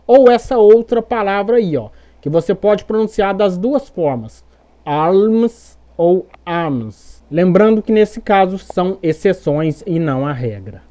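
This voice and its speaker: A woman's voice: mid-range voice, lively intonation, moderate pace, hardly any pauses, mellow. A Brazilian woman teaching English pronunciation in a patient explanatory way, repeating examples and checking in often. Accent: Brazilian Portuguese. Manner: patient, repeats examples, keeps asking "beleza?". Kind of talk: explanatory lesson.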